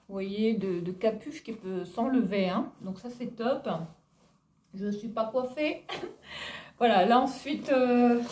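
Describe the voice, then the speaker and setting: A woman's voice: fairly high pitch, mellow, slight background noise. A woman from Réunion chatting at home to her followers about her clothes. She talks in a loose, friendly way, full of fillers and little laughs, and calls her viewers "les filles" over and over. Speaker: fashion vlogger. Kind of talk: casual haul video chat.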